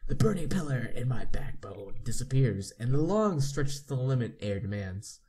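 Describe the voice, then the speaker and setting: Reading a game's text aloud during his playthrough, this host throws in asides but frequently stumbles, repeating words he's misread. He's a man with a mid-range, dark, very animated voice.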